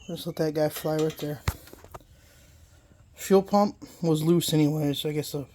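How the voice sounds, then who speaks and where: A mellow, medium-pitched voice with fairly even intonation and a measured pace guides a casual, hands-on mower engine repair. The speaker hosts a repair channel, is stuffed up from a lingering cold, and works in a workshop, rambling, self-correcting, and using many fillers.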